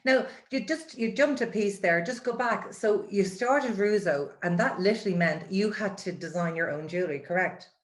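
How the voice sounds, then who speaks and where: A woman's voice: medium pitch, moderate pace, few pauses, reverberant. A woman hosting a conversational interview in an effusive, encouraging manner. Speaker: host, mindset coach.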